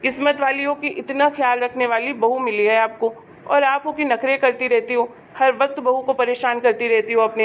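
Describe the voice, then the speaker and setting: Woman doing a grumpy grown son nagging his mom, kinda high voice, muffled lo-fi sound. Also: lightly acted. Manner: scolding, impatient. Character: irritable adult son who trusts his wife. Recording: dull lo-fi home recording.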